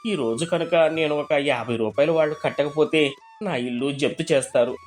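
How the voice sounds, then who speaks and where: A man's voice: fairly high pitch, natural voice. A man voicing a sweet-talking village swindler. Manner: flattering, pleading, sweet-talking.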